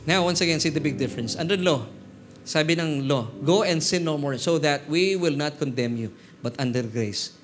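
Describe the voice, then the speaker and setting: A middle-aged Filipino pastor preaches in a slightly high voice, telling jokes and personal stories as he moves between Tagalog and English. Guitar music plays clearly under his words in the church. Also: moderate pace. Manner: humorous storytelling, mixing Tagalog and English. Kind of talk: sermon. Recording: music playing behind the voice.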